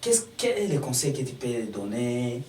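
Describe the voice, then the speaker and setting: A man's voice: mid-range voice, big pitch swings, normal speed, a little mellow, slight background noise. A man hosting a casual talk, affirming his guest and dropping in English fillers. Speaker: host. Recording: echoey room, far from mic.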